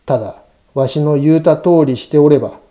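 Grave, protective head priest for a ghost storybook, played by a male narrator: stern admonishing delivery, very dark mellow tone. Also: fairly high pitch, normal speed, natural voice. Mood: stern warning. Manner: grave, admonishing, old-fashioned speech.

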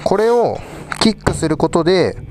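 This young vlogger talks at a moderate pace in a high-pitched voice that swings widely in pitch, and there's background noise. He's in a small rehearsal studio casually walking through his instruments while playing them. Live drums and guitar run behind his voice, captured by a small clip mic on his head-mounted camera.

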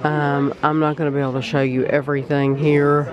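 A woman's voice: low voice, level tone, a little fast, low-quality recording. A woman narrating a casual travel vlog as she films in a large shop. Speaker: vlogger. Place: large gift shop at rest stop. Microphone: handheld camera, held by speaker. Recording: busy shop with crowd chatter.

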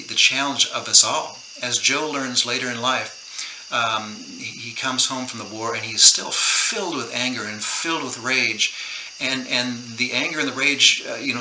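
A man's voice: medium pitch, sharp tone. A middle-aged man, an author, earnestly retelling a true story in a conversation, with many fillers and restarts. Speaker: author guest. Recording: roomy echo, faint background noise.

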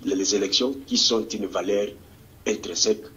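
In a dull lo-fi TV clip from Australia's Congolese diaspora, an activist from DR Congo responds to an interviewer with rousing fervor. His fairly low voice has a fairly bright tone and moves at a normal speed, though he keeps stumbling and repeating words.

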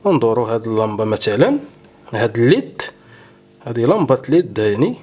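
A man hosting an electronics tutorial, explaining a hands-on demonstration step by step and often pausing with fillers. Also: medium pitch, very animated, darkish tone. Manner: explanatory, keeps saying "look" to viewers, frequent hesitations.

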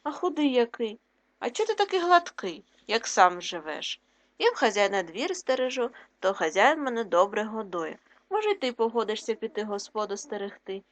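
A woman's voice: fairly high pitch, very animated, moderate pace, no echo. A woman reading as a well-fed farm dog. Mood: curious. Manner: chatty, curious questions. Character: well-fed male farm dog, chained but content. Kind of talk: reading a folk tale aloud.

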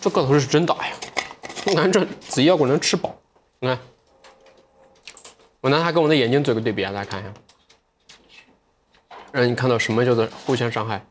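Hosting a livestream sale from a studio set, a man in his thirties jokes with viewers in a playful, self-mocking manner and now and then slips into reflective asides. His mid-range voice moves a little fast and pauses often, over slight background noise.

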